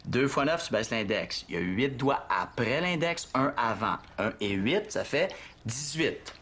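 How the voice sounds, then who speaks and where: A man's voice: medium pitch, animated, unhurried, a bit bright, a little hiss or hum. An actor with a Québécois French accent playing an eager, persuasive father in a family sitcom, talking colloquially and insistently. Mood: patient, coaching. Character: eager, persuasive father of a schoolboy, middle-aged. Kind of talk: naturalistic sitcom dialogue.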